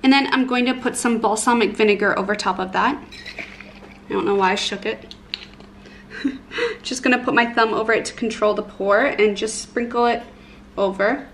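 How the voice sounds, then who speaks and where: A woman in her twenties, a beauty and lifestyle vlogger, talks casually to her viewers indoors at home, moving between the living room and kitchen. Her voice is a little high with a fairly bright tone, and she speaks at a moderate pace, pausing often, over slight background noise. She's bubbly, informal and self-deprecating.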